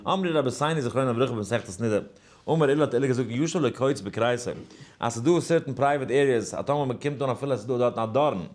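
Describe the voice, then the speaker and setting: A man's voice: medium pitch, very fast, darkish tone. A man giving a Torah class, telling a parable in a rambling way with many fillers and English words mixed in. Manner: chants verses in a sing-song. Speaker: rabbi giving a daily class. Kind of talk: Torah lecture in story form.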